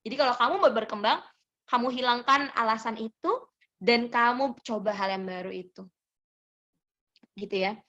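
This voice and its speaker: A young woman with a slightly high voice talks gently and reassuringly, like a motivational speaker answering listeners' questions. She slips English phrases into her talk and keeps a soft, encouraging tone. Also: steady tone, moderate pace, long pauses, lo-fi sound. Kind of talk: motivational sharing session.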